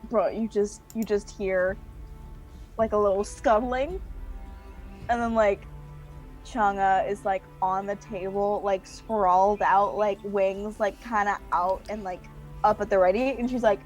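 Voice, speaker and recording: A woman's voice: mid-range voice, fairly even intonation, unhurried, faint music behind. A woman player casually narrating a tabletop game, peppering her speech with "like".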